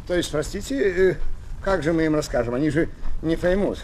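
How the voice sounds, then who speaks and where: An actor playing a boastful, excitable and pompous baron adventurer in a theatrical children's audio play. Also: male voice, fairly high pitch, a little fast, slight background noise, lightly acted. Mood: fussy, scheming. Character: boastful, exuberant Baron Munchausen, jovial storyteller adventurer.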